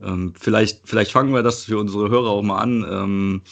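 A man's voice: on the low side, steady tone, fairly quick, gravelly. A man in his late twenties who hosts a casual podcast chat and puts questions to his co-hosts. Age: 20s. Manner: moderating, asks the others questions. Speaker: podcast host.

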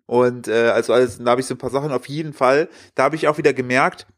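A man's voice: mid-range voice, steady tone, fast talker. A man in his late twenties co-hosting a casual podcast, telling long rambling anecdotes with youthful slang. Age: late 20s. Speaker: podcast co-host. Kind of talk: casual chat.

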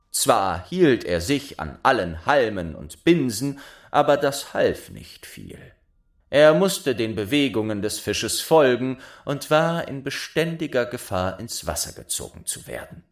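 Slow, expressive male storyteller. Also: lowish voice. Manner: expressive, measured fairy-tale telling. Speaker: narrator. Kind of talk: storybook reading.

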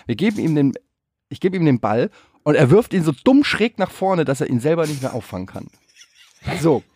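Guy in his 30s telling a story about his kid, voice jumps all over, slightly high, swears a lot, dry sound. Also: a little fast, breathy edge, no room sound. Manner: animated storyteller, swears freely, bursts into loud put-on shouts. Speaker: podcast co-host, father. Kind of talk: casual banter among friends.

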